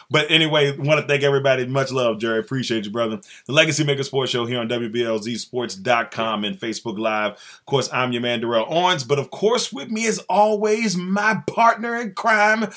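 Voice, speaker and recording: A man's voice: medium pitch, pushed and bright. A man hosting a sports podcast, talking in a laid-back, joking, chatty way with his cohost. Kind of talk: casual sports podcast chat.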